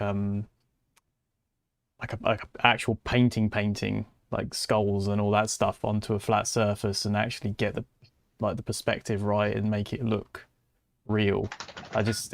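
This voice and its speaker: Gravelly low man, hesitant. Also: dry recording. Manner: hesitant, many fillers and restarts. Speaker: podcast co-host. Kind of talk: casual chat.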